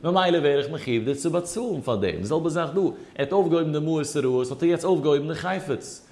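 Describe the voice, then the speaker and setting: A man's voice: on the high side, lively intonation, fast talker, a little mellow. A man teaching religious law in a traditional study lecture, his voice rising and falling in a chant as he asks and answers his own questions.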